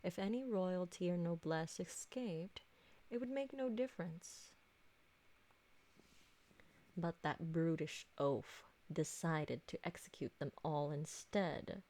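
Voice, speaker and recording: Here the same refined, possessive vampire noblewoman from the ASMR roleplay drama fusses over her servant in formal, deliberate speech, voiced by a woman. The voice is lowish and somewhat dark. Her frustration comes through, but she keeps it measured.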